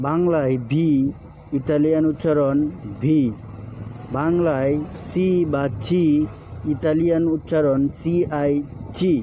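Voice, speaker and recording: A man teaching a slow pronunciation lesson, deliberately repeating each letter sound. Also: on the high side, steady tone, warm tone, a little hiss or hum, poor audio. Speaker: language teacher.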